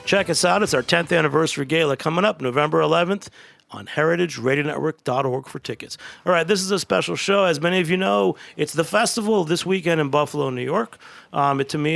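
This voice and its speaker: A man hosting a radio talk show, chatting with guests in a quick, excitable way. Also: on the high side, vocal fry. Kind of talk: casual radio chat.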